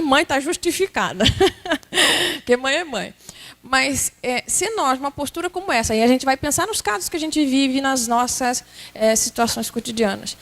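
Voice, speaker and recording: A woman with a Brazilian Portuguese accent giving a spiritist talk, telling stories lively and acting out everyday scenes. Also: high voice. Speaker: spiritist lecturer.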